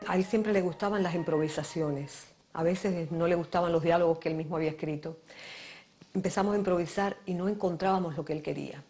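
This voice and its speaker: A woman's voice: fairly low pitch, fairly even intonation, brisk, mellow, faint music behind. A woman, an actress, thoughtfully recalling her work with a director in a documentary interview, sometimes searching for words. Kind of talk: reflective interview recollection.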